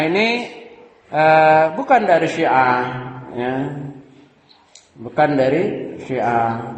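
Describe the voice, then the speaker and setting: A man with an Indonesian accent giving a religious lecture, explaining in a measured way with frequent pauses and fillers. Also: on the high side, slight background noise. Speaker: preacher. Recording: roomy hall reverb.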